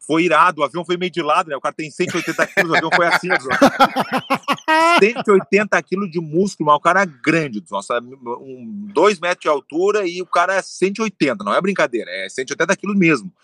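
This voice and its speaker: A man telling a long story in casual chat, animated and swearing, acting out what others said. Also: fairly high pitch, fast, no echo, clean studio sound. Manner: animated, swearing, acts out quotes. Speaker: storyteller guest.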